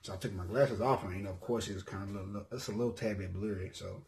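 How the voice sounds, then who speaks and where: A YouTuber in his 20s from Mississippi introduces himself in a casual vlog with a relaxed Southern accent and a low voice carrying vocal fry. Laid-back, he drifts between thoughts, fills pauses with ums and often corrects himself.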